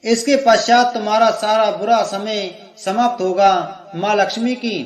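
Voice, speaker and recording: A man's voice: high-pitched, steady tone, moderate pace, natural voice. A man voicing a kindly old woman from the temple who soothes and counsels a young wife in a devotional story. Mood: instructing. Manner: soothing, motherly. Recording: echoey room.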